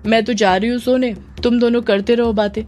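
A woman's voice: fairly high pitch, steady tone, darkish tone, voice pushed up, close to an everyday voice. A woman voicing a sleepy, secretive young woman who speaks drowsily in a Hindi horror audio story. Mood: drowsy. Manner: drowsy, drawn-out.

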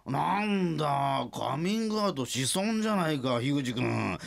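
A man with a fairly high, creaky voice speaks at a normal speed in an animated way, with no room sound. He's an actor in a comedic radio drama, playing a sheepish but well-meaning middle-aged company president who stammers and repeats himself when flustered.

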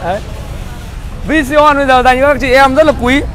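A man in his thirties with a northern Vietnamese accent gives a live street sales pitch as a motorbike dealer, in repetitive hawker-like patter. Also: fairly even intonation, brisk, a faint crowd. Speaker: used motorbike dealer, livestream host. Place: busy street outside a motorbike shop. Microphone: clip-on lapel mic. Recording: loud street traffic noise.

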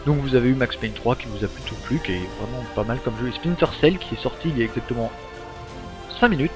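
A man's voice: medium pitch, fast. A man giving a casual update to his gaming channel's subscribers, rambling with many ums and restarts. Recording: dull lo-fi sound with faint music.

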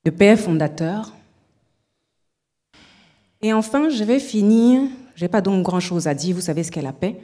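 A woman's voice: on the low side, mellow. Playful theatrical woman from Cameroon. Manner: playful, theatrical, slow emphatic delivery. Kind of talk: comic speech to a minister on a TV show.

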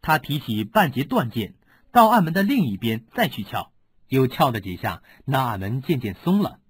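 Husky man narrating an audiobook. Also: mid-range voice, moderate pace, dry recording. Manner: animated storytelling. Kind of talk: scripted narration.

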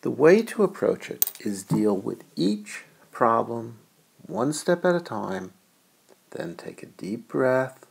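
A middle-aged man teaches economics in a recorded video lecture, playful and full of jokey asides. His voice is gravelly and a little husky. His pitch swings widely as he talks. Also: sing-song, takes it slowly. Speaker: economics professor. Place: US college.

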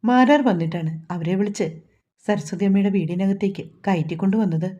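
A woman with a Malayalam accent reading a romantic novel aloud as narrator, voicing every character in a fairly even tone. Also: medium pitch, brisk, highs cut off. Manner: reads all characters' dialogue in a mostly even voice. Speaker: story narrator.

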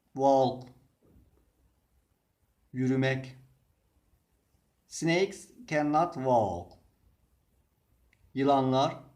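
A male English teacher from Turkey gives a very slow vocabulary lesson, reading words and example sentences with great deliberation. His voice is medium-pitched with a darkish tone.

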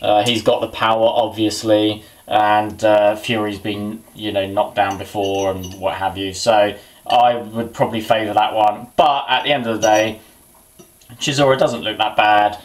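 In a small indoor kitchen, a boxing vlogger cooks and chats casually, drifting into mutters to himself. He sounds low and level, keeping a measured pace, recorded on the camera's built-in mic.

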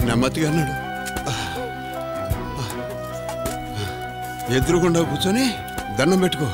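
A man voicing a kindly, fatherly figure who soothes and coaxes a frightened blind girl, in a dubbed film. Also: on the high side. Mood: coaxing. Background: loud film score.

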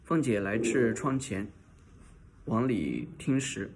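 A man narrates a classic novel in a low, gravelly voice with a creaky rasp. He reads steadily, now and then restarting a phrase, over a faint background hiss. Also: slow. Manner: steady reading with occasional restarts. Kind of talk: reading a classic novel aloud.

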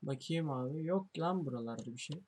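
A man's voice: fairly high pitch, lively intonation, a little fast, a little mellow. A young man giving let's play commentary on a horror game, jumpy and swearing as he thinks aloud to his viewers. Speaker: gamer playing a horror game.

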